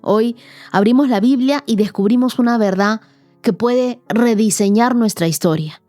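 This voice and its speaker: A woman hosting a daily Bible podcast, teaching and praying in an earnest, emphatic way, slowing down on key phrases. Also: on the high side, warm tone, no room sound, faint music behind. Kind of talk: devotional teaching and prayer.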